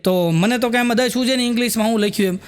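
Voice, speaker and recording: Gujarati comedian guy, pretty high voice, tells jokes and acts out the quotes, keeps chuckling. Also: rapid-fire, clear, resonant tone. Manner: storytelling with acted quotes and frequent chuckles. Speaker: stand-up comedian. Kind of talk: Gujarati joke telling.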